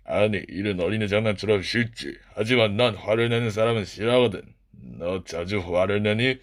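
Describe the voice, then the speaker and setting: A man voicing a huge, mean castle master in a children's storybook, speaking slowly, low and mocking. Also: lightly acted. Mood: gruff.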